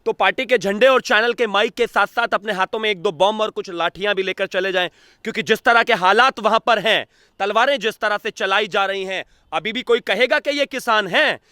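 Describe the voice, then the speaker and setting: Male political analyst, agitated and accusatory; high, clear, dry close-mic voice. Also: brisk, pushed and bright, no echo. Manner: agitated, accusatory, rhetorical questions. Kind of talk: heated political commentary.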